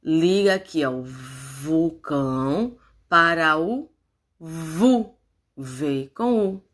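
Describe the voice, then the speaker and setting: A woman teacher leading a phonics lesson for young children, stretching out syllables and coaxing them to answer. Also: low voice. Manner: slow, drawn-out syllables, animated coaxing.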